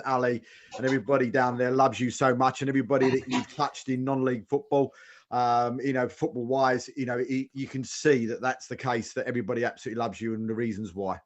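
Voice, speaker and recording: Bloke hosting a chat show, talks fast, gushes, mid pitch voice. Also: male voice. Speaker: show host. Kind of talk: casual chat.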